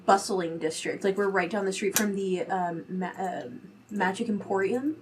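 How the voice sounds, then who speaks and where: A woman playing in a tabletop game, soft-spoken and searching for words as she describes the setting. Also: medium pitch, moderate pace, background noise. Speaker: player.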